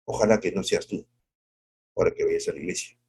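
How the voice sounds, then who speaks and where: A middle-aged male pastor delivers a devotional sermon, posing rhetorical questions and performing quotations. His delivery shifts from soft, stretched-out phrases to abrupt high-pitched exclamations, and his voice is creaky and a little rough.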